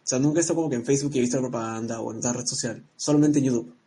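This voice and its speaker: A man's voice: medium pitch, racing, warm tone, slightly rough. A man co-hosting a casual chat, joking around and sending playful greetings to his listeners.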